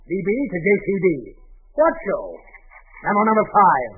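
The character is an exasperated, demanding boss, played by a man with a blustery, pompous bark in the manner of 1940s radio comedy, scolding a bumbling employee. He speaks in a high, very animated voice at a moderate pace, and the tinny, band-limited period recording carries a little hiss or hum.

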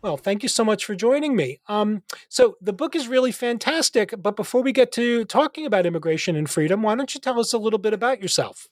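Measured male podcast host, dry sound. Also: high-pitched, animated, no room sound. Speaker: podcast host, philosophy professor. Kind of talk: scripted introduction then interview.

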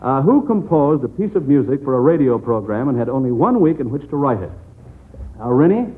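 Heard on a tinny, crackly old broadcast, a substitute quizmaster on a 1940s radio program chats folksily and chummily with children. His medium-pitched voice has a sing-song lilt and runs a little fast.

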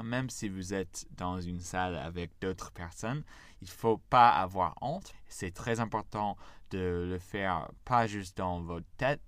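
This language lesson comes from a man from the United States with an American accent, who patiently has learners repeat letters after him. His low-pitched voice has a fairly bright tone, and the recording is dry.

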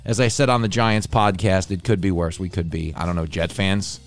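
A middle-aged man hosting a podcast, delivering a casual comedic monologue as an animated, sardonic rant. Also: sits low, brisk, soft background music. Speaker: podcast host.

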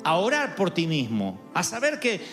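A middle-aged male pastor preaching a sermon to his congregation, impassioned and building to shouted climaxes. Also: high voice, huge pitch swings, normal speed, faint music behind. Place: large church hall with congregation. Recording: long reverb of a large hall.

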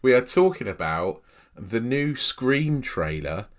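A man in his thirties co-hosts a casual film podcast while snuffly with a cold. His mid-range voice is sing-song and slow, and he's chatty, rambling, and laughs often.

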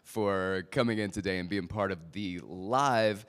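Speaking low and at a measured pace, a man with a fairly bright tone hosts a podcast live at a conference. Using a microphone, he presents to the people before him in a relaxed, jokey manner.

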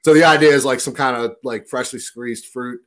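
A man's voice: mid-range voice, fairly even intonation, brisk, a bit bright. Rambling man swapping concert stories. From Maryland, USA. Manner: rambling, filler-heavy storytelling. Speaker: podcast co-host. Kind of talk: casual chat.

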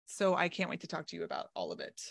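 A woman's voice: fairly low pitch, very animated, fast talker, gravelly, dry recording. A woman hosting a book interview, talking in an enthusiastic, gushing way. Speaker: podcast host. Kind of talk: friendly interview chat.

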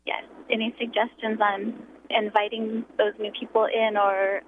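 A woman's voice: medium pitch, little pitch movement, unhurried. Woman caller, brief and agreeable, heard over a thin, clipped phone line with faint noise. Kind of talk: call-in radio chat.

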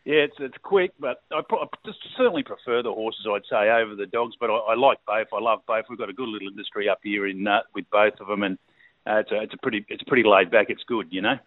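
A man's voice: on the low side, fast, no echo. A middle-aged Australian man from New South Wales, a race caller telling his story in a laid-back, rambling way with lots of fillers. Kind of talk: casual interview. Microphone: phone. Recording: tinny phone line, dry.

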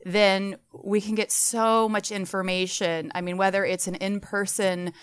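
A woman with a smooth, resonant voice of middle pitch answers interview questions. She talks eagerly and at length, stringing thoughts together with little fillers and restarts. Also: little pitch movement, a little slow. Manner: enthusiastic, talks in run-on explanations with fillers. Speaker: guest.

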